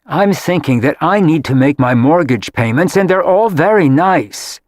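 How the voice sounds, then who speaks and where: A man's voice: on the high side, expressive, moderate pace, dry recording, studio quality, pitched above the performer's own voice. A man voicing an embarrassed young woman who answers her mother sternly and defensively, in an audiobook.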